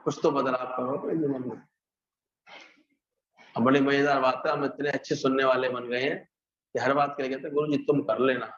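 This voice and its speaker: A man gives a satsang talk in an easygoing preaching manner, firing rhetorical questions at his listeners and dropping to a hush or rising to a shout to act out scenes. His mid-pitched voice rings around an echoey room, and the recording sounds muffled and lo-fi. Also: level tone, moderate pace, pauses often. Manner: conversational preaching, rhetorical questions, mimics loud and hushed speech. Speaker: spiritual teacher. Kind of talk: Hindi satsang discourse. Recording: echoey, dull lo-fi hall recording.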